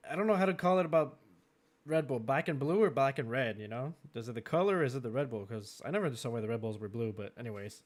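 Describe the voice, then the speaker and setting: Chatty French Canadian host. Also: male voice, mid-range voice, animated, fast talker. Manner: chatty, laughs easily, many fillers. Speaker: host of a racing league draft. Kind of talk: live-streamed draft commentary.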